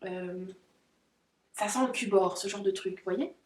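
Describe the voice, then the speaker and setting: A woman's voice: medium pitch, measured pace. Chatty woman in a roomy room. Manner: chatty and excitable, giggly, talks to her dogs. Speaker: pet vlogger. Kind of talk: casual unboxing chat. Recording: roomy, distant camera audio.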